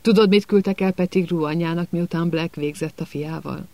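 A man's voice: a little high, gravelly, darkish tone, dry recording. A man voicing a blunt, hot-tempered teenage boy in a storybook reading, speaking sharply. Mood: heated.

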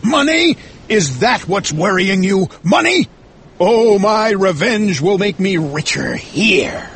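Fierce high-pitched Captain Ahab, obsessed. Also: male voice, very animated, measured pace, a bit bright, breathy edge, exaggerated voice. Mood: scornful, angry. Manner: roaring, intense, dramatic declaiming. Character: fierce, obsessed, vengeful whaling captain with an evil streak. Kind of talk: dramatized audiobook character voice.

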